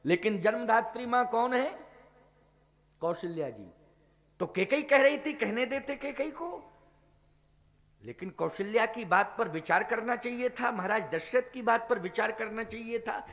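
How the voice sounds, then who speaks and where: High-voiced man preaching in a hall. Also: lively intonation, a bit bright. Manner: emphatic preaching, chants verses slowly. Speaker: religious preacher. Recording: long hall reverb.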